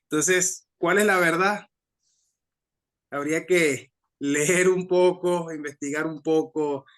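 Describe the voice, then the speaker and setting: Mexican male musician, interview guest, slightly high voice, searching and reflective delivery with many restarts. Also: fairly even intonation, takes it slowly, a bit bright. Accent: Mexican Spanish. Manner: thoughtful, hesitant, with frequent restarts and tag questions. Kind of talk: conversational interview answer.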